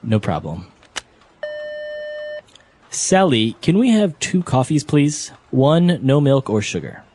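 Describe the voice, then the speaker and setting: A man's voice: mid-range voice, big pitch swings, slow, a little mellow, slight background noise. A man acting a polite, formal office manager interviewing a job candidate in a scripted dialogue. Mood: courteous. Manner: courteous, formal.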